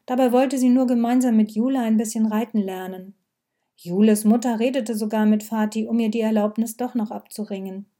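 Dark-voiced woman reading a story. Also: a little high, fairly even intonation, brisk. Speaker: narrator. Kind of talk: scripted narration.

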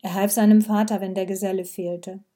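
Dark-voiced woman reading a story. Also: mid-range voice, level tone, fairly quick. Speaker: narrator. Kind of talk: scripted narration.

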